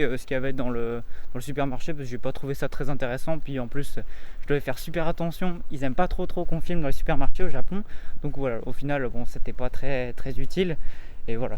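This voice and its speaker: Quick, halting young Frenchman vlogging outdoors. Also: a little high, a little hiss or hum. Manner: halting, searches for words and stumbles. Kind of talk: casual improvised vlog chat to camera. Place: outdoors, walking and in a park.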